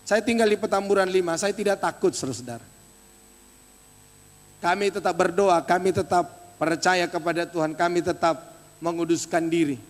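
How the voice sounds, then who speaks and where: Male pastor, high voice, lively exhorting sermon, echoey church hall. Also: moderate pace, pauses often. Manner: animated, exhorting, addresses congregation directly.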